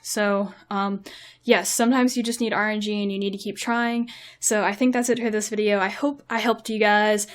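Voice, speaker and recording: A woman's voice: medium pitch, level tone, moderate pace. Chatty young woman giving game tips. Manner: chatty, advice-giving, frequent fillers. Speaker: mobile game video creator. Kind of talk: casual gameplay commentary.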